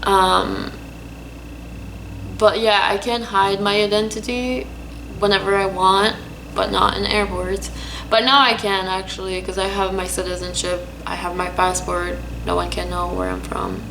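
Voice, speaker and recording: A young woman from Lebanon earnestly telling a personal story in a vlog, pausing often with hesitant fillers. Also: mid-range voice, level tone, vocal fry, fairly bright tone, slight background noise, poor audio. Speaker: vlogger. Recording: music playing behind.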